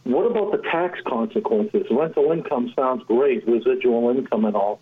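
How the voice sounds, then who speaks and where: A male caller heard on a speakerphone through a tinny phone line, his voice husky and thin. He asks question after question with eager curiosity, at a middling pitch. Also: normal speed. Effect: speakerphone over a phone line. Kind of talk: call-in question.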